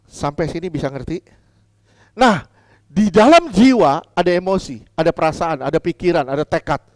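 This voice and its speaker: A man preaching a sermon as pastor, putting questions to the congregation, repeating key lines and swinging between loud emphatic lines and quiet asides. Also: on the high side, lively intonation, moderate pace, no room sound, clean studio sound.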